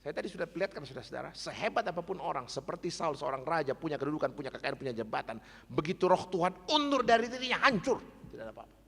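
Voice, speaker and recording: A man preaching a sermon as pastor, earnest and exhortative, sometimes dropping to soft asides. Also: fairly high pitch, sing-song, very fast, vocal fry, hardly any pauses, husky. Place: church. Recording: echoey church hall.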